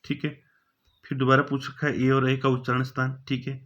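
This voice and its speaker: In slightly dull, lo-fi audio, a man's mid-pitched voice moves at a fairly quick clip through an exam-prep grammar class. He is a teacher who repeats every question he reads out before answering it himself, leaning on "thik hai" ("okay") as his filler.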